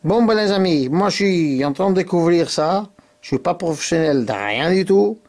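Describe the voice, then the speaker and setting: A man's voice: sits high, lively intonation, normal speed, darkish tone. A man hosting an amateur demonstration video in a hesitant, informal way, recorded in a workshop on a camera mic. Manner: hesitant, informal, tag words. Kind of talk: casual hands-on demonstration. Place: cluttered indoor workshop.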